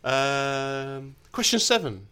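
A man's voice: mid-range voice, very animated, slow pace, pushed and bright, clear, resonant tone. A man with an Essex accent, chatting casually and jokily as he hosts a podcast quiz. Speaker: quiz host.

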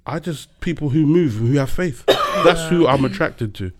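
A man co-hosting a casual chat, animated, laughing often, pressing his points with a preacher's emphasis. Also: on the high side, a little slow.

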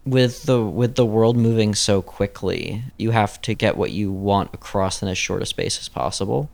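A man's voice: fairly low pitch, moderate pace, creaky, darkish tone, no room sound. A man talking casually as a podcast guest, hesitant and full of "like" fillers. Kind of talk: casual chat.

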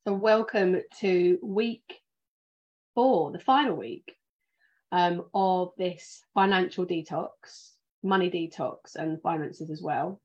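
A woman's voice: lowish voice, slow, a little mellow, dull audio. A woman with a southern English accent hosting a podcast, chatting loosely with many ums and restarts, a little sleepy. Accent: British, southern English. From England. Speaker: podcast host, financial planner. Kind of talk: casual livestream chat.

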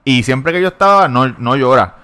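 A man's voice: medium pitch, expressive, moderate pace, pushed and bright, clear, resonant tone. A man, co-hosting a podcast in casual chat, blunt, crude and joking. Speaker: podcast co-host.

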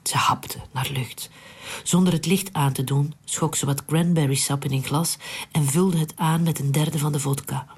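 A narrator reading a literary story aloud in a hushed, unvoiced whisper, in a whispered storytelling style. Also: mid-range voice, fairly even intonation, normal speed, slightly rough.

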